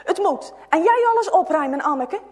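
A woman's voice: very high-pitched, animated, measured pace, darkish tone, in a large hall, voice pushed up. A woman voicing an older boy in a read-aloud story, urgent and snappish. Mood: snapping. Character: urgent older boy, bossy under pressure.

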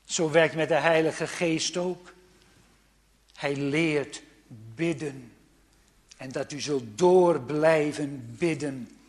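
A man preaching a sermon at an unhurried, deliberate pace, his fairly high voice climbing into fervent, raised appeals and then dropping to near-hushed quiet. His words hang in the long reverb of a large church. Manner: swings between fervent raised passages and hushed quiet ones.

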